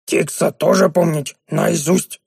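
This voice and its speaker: A man's voice: on the high side, fairly even intonation, gravelly, darkish tone, husky, no room sound, studio quality, voice pushed up, heavily acted. Man doing Tiksa, a sly gnome in broken speech. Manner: slow, clipped broken grammar.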